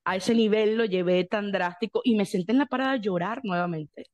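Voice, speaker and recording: A young Venezuelan woman, a guest in an interview, telling her story in lively detail, acting out quotes and breaking into song. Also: mid-range voice, fairly quick, dull audio. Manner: animated storyteller, acts out quotes, bursts into song.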